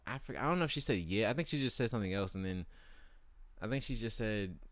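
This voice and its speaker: Young male vlogger, deep voice, crude and rambling exasperated rant, dry close recording. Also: lively intonation, fast, fairly bright tone, no echo. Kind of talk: profane comedic rant to camera.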